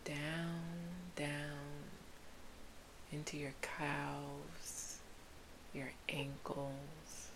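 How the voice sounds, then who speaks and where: A woman leads a guided sleep meditation in a soft, soothing whisper. Her voice is low and very unhurried, like a spa relaxation guide. A faint hiss runs behind her. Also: level tone. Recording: hissy background noise.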